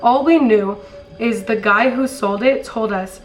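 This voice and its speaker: A young American woman with a smoker's rasp, hoarse from being sick, telling stories in a casual, rambling, slangy chat. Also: on the high side, unhurried. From California, later Colorado, US. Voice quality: raspy, like a smoker's voice. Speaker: storytime vlogger.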